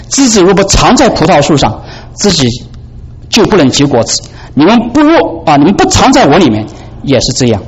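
Animated male preacher, lively pitch. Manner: animated preaching, asks the congregation "right?". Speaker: pastor. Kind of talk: sermon. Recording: dull lo-fi recording with faint background noise.

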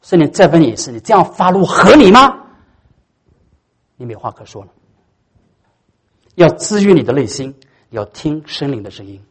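A man preaching a sermon as pastor. He is emphatic and swings from loud peaks to soft asides. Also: medium pitch.

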